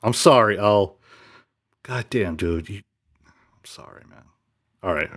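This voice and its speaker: A man hosting a podcast, telling stories in an animated way and swearing freely in casual chat. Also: lowish voice, takes it slowly. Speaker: podcast host.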